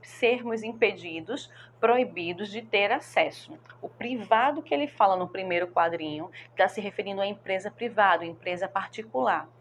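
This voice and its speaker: A woman's voice: mid-range voice, slight background noise. A woman teacher patiently explaining a grammar lesson to her students, often checking that they follow.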